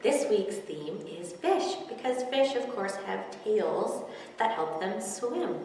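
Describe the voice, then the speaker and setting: In an echoey hall, a woman in her thirties who works as a children's library storyteller presents picture books and reads them aloud to kids. Her mid-range voice is animated, slow and a little mellow. The mic is distant and background noise is audible.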